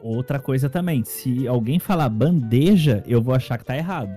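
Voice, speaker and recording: A man's voice: medium pitch, animated, moderate pace, dark tone, faint music behind. A man with a Brazilian Portuguese accent co-hosting a casual comedic chat, joking and mock-indignant. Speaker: co-host.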